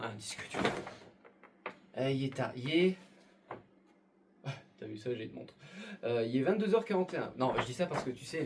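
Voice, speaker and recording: A man's voice: medium pitch, background noise. A man hosting a casual unboxing video, rambling and joking, with mock-formal asides and lots of hesitations. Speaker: YouTube host unboxing Lego sets.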